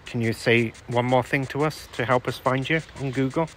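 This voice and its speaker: A man on a ghost hunt, slowly and patiently putting questions to unseen spirits at an old estate ice house. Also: mid-range voice, fairly even intonation, a bit bright, a little hiss or hum. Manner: slow, coaxing questions to an unseen listener. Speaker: ghost hunter.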